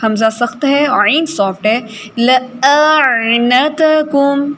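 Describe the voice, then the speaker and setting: A woman teaching Quran recitation in a class, correcting students' pronunciation and slowly modelling words for them. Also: on the high side, fairly bright tone, slight background noise.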